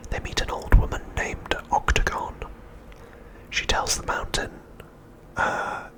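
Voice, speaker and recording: A man speaks only in a breathy whisper, with no voiced sound at all, recapping a story the way an ASMR host would. He stays soft, quiet and unhurried.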